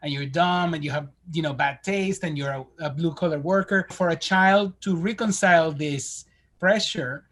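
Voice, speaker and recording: This guest, a man in his fifties born in Spain, speaks at a moderate pace in a voice on the high side. He's on a video call from his home study for a casual interview, spinning lively stories with broad gestures.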